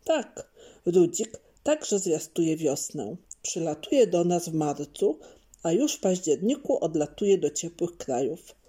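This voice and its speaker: A woman voicing a patient, knowledgeable father in a children's storybook, explaining in a calm, measured way. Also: lowish voice, breathy edge, exaggerated voice.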